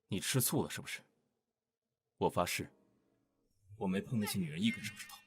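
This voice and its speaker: A man's voice: low voice, expressive, fairly quick. An actor playing a jealous, possessive young male tycoon who talks with intensity and turns to pleading in a TV drama. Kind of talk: TV drama acting.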